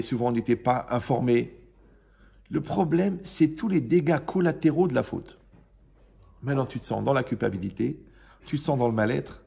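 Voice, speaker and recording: Male rabbi, informal religious lesson to a live room; gravelly tone, jokey, conversational teacher. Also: medium pitch, warm tone. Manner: joking, conversational, quizzes the audience.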